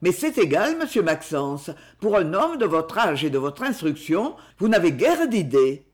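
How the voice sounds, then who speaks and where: A man voicing a blunt, suspicious rough man who talks in a gruff, familiar, sly way. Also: sits high, big pitch swings, measured pace.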